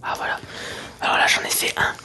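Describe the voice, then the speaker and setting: A man chatting casually in a soft, breathy library whisper for ASMR, hesitant and unhurried. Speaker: ASMR video creator.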